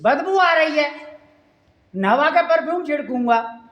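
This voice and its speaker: A woman voicing an easygoing village husband, lower than her own voice, in a dull, echoey recording. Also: animated, unhurried. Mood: reassuring.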